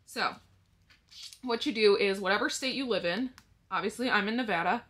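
A woman's voice: medium pitch, moderate pace, fairly bright tone. A woman vlogging about her budget, explaining each step to viewers in a casual way and counting money aloud as she goes. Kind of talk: casual talk-through to the viewers.

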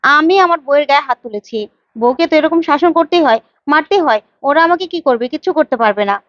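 A woman's voice: high-pitched, animated, quick pace, fairly bright tone, dry recording. A woman voicing an arrogant, taunting husband who bullies his wife, on a dull lo-fi recording. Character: brash bullying young husband.

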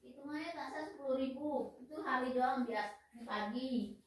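A woman's voice: sits high, moderate pace, roomy sound. A woman chatting casually with her husband at home, plain-spoken and complaining. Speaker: wife in a family vlog. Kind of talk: casual family banter.

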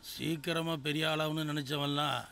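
An actor playing a weary older gang elder who tries to talk two rivals out of fighting. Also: male voice, on the high side, flat delivery, brisk, sharp tone. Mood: grave.

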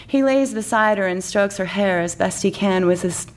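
Amid crowd noise, a woman with a mid-range voice narrates her own comic story at a moderate pace. It's scripted, mock-romantic narration for a live comedy story night, delivered in a florid, mock-serious romantic style.

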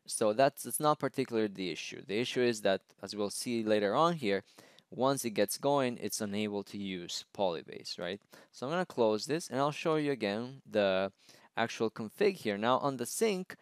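A man presenting a screen-recorded software tutorial, explaining step by step and often checking in with "right?" and "okay?". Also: fairly low pitch, animated, moderate pace, clear, resonant tone, dry recording. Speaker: tech presenter.

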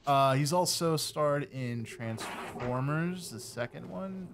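A man playing a video game and joking casually with friends, excitable and swearing often. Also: a little high, slow, music in the background. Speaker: gamer playing on stream. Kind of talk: casual let's-play banter.

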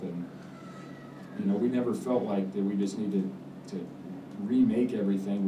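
Low-voiced man in his forties, football coach at a press table, measured halting answers, roomy distant sound, background noise. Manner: measured, halting, many fillers and restarts. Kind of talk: post-game press conference answers. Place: press room with backdrop, indoors. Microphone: table mic on stand.

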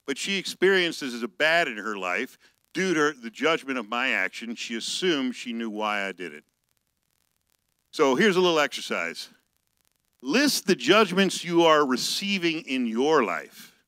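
A male pastor giving a conversational sermon, reading scripture slowly and telling personal stories. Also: a little high, bright, forceful tone, no echo, poor audio.

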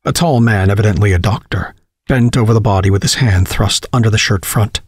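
A man narrates a horror story in a measured, dramatic reading. His voice sits low and sounds husky. It is recorded dry on a close mic, with no room sound. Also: no echo.

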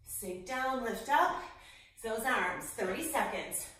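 A woman's voice: fairly high pitch, animated, slow pace, fairly bright tone, heavy reverb, far from the mic, a little hiss or hum. A woman fitness instructor cueing moves and counting reps while she works out, out of breath. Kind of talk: workout instruction.

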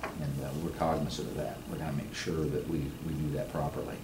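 Very deep quick-talking man at meeting. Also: level tone. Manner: quick, reassuring, matter-of-fact. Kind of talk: answering questions at a meeting. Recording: echoey meeting room with hiss.

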